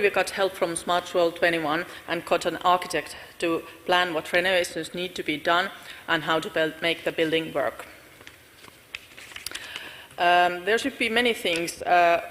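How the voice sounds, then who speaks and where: A woman's voice: lowish voice, steady tone, moderate pace, a bit bright, slight background noise. A woman with a Finnish accent giving a conference talk about her village as a volunteer, speaking carefully. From Finland. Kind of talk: conference presentation. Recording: reverberant conference hall.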